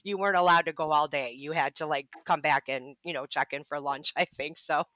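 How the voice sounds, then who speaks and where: A woman's voice: low voice, brisk, fairly bright tone, no room sound, low-quality recording. A woman guest on a podcast, telling her life story candidly, with swearing and frequent laughs. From Ohio. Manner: candid and profane, laughs often.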